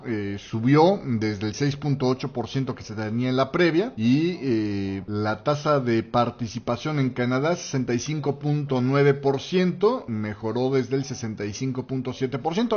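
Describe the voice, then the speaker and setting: Man with a dull lo-fi sound. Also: medium pitch. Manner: thinking aloud with many fillers. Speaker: market commentator. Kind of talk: live market commentary.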